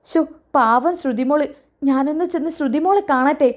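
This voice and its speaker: A woman voicing a kind old grandmother who fusses and scolds in a high, lively voice. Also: moderate pace, lightly acted. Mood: fond, scolding.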